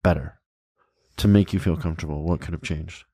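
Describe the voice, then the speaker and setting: A man's voice: deep voice, fairly quick, no room sound, studio quality. A man hosting a casual podcast chat, telling stories from his own work and acting out the customers in them. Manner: animated storyteller, acts out customer exchanges. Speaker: podcast host.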